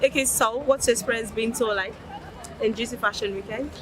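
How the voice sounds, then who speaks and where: A woman's voice: a little high, fairly quick, noisy background. A woman interviewing guests at an outdoor fashion event, chatty and playful, on a handheld mic. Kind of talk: street vox-pop interview.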